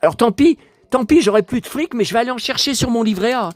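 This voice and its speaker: A man casually vlogging about collector books, excitable and rambling, talking straight to his viewers. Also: very high-pitched, quick pace, no echo.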